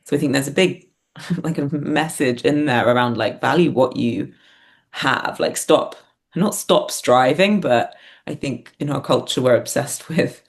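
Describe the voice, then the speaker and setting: A woman with a bass voice speaks unhurriedly as an interview guest, a writer-performer. She is reflective and hesitant, thinking aloud as she goes, with small laughs breaking up her words.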